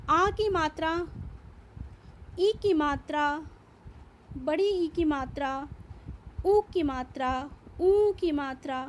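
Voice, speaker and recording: A woman's voice: sits high, a little hiss or hum. A woman teacher giving a patient, step-by-step grammar lesson, explaining and repeating each point. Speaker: school teacher. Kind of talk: slow classroom grammar lesson.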